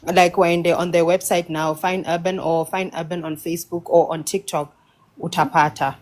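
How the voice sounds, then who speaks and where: A woman's voice: fairly low pitch, flat delivery, normal speed. A woman with a South African accent, a guest chatting casually, articulate but often restarting her phrases. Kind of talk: casual conversation.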